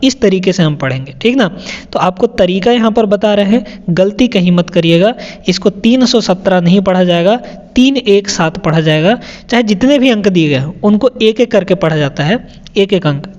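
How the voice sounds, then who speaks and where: A man's voice: high-pitched, a little mellow. A man. He repeats each step and keeps checking in with the class. The audio is dull and lo-fi, with a long reverb tail. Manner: repetitive, checks in with "है ना?" often. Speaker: math teacher. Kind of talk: classroom lesson explaining sums.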